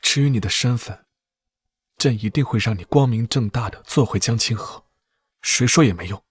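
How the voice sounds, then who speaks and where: Young emperor, devoted lover, husky soft voice, teasing,, costume drama. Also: male voice, medium pitch, moderate pace, no echo. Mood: tender.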